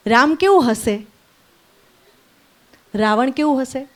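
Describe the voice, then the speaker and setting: A woman teaching children at a camp, leading slow repeat-after-me blessings and telling a story with questions to the group. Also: sits high, animated, noisy background. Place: indoor camp hall with children.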